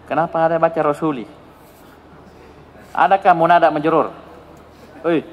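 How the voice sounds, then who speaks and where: A man's voice: on the high side, fairly even intonation. Indonesian teacher drilling his pupils. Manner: prompting questions again and again, brisk and coaxing. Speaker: Arabic grammar teacher. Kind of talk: classroom grammar drill with students. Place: classroom. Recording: dull, lo-fi sound with a long hall reverb.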